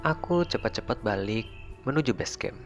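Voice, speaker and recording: A man narrating a first-person horror story in a relaxed, conversational way. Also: mid-range voice, moderate pace, highs cut off. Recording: faint music underneath. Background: faint background music.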